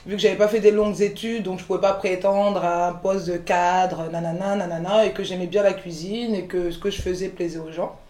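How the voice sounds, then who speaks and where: A woman's voice: on the low side, steady tone, brisk, few pauses, mellow, roomy sound. A woman in her forties, born in the Ivory Coast, talking frankly as an interview guest, full of restarts and fillers. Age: 40s. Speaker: guest, chef and entrepreneur. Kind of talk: candid conversational interview.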